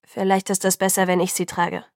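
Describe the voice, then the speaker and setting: Woman reading as a calm, deep-voiced young rescuer; firm, steady, storybook reading, dry close sound. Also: brisk, no echo, close to an everyday voice.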